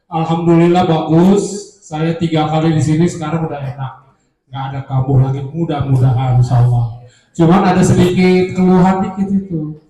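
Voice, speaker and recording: Seorang pria memberi testimoni sebagai pasien di depan hadirin, bicaranya tersendat mencari kata. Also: male voice, a little high, fairly even intonation, moderate pace, dark tone. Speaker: patient giving a testimonial. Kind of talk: spoken testimonial to a gathering. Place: echoing indoor room at an event. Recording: very echoey room.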